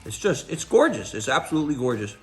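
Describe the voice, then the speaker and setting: A man's voice: medium pitch, sing-song, quick pace, roomy sound, faint music behind. A middle-aged man hosting a casual vlog, tasting a meal he cooked, with a folksy, enthusiastic manner. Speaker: host.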